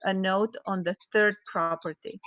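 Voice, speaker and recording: A woman from Romania calling into a live Q&A, speaking slowly and carefully with many pauses. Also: mid-range voice, steady tone, a bit bright, dry recording, highs cut off. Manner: slow, careful, hesitant with fillers. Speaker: caller asking about a note. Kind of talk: live Q&A call.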